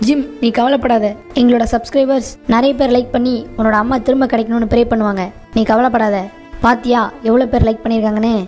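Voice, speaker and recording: A cheeky cartoon little boy who chatters in a quick, bubbly rush and a raised voice, as a woman acts him out. Faint game music runs behind him. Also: on the high side, little pitch movement, a little mellow, natural voice. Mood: reassuring. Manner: bubbly, teasing, rapid.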